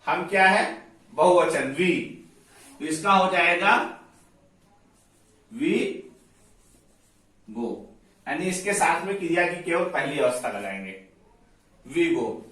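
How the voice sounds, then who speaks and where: A man with a slightly high voice teaches grammar at a very slow, deliberate pace. He goes over each rule step by step and says every example twice. His voice sounds distant from the mic in a strongly echoing room. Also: lively intonation, fairly bright tone. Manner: explains step by step, repeats examples slowly. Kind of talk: slow classroom explanation. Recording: very echoey room, voice away from the mic.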